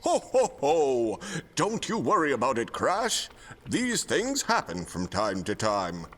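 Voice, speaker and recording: An actor playing a jolly, reassuring old Santa with an avuncular manner in an audio drama. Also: male voice, medium pitch, huge pitch swings, slow, a bit bright, full character voice. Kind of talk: scripted audio drama acting. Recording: long reverberant hall sound.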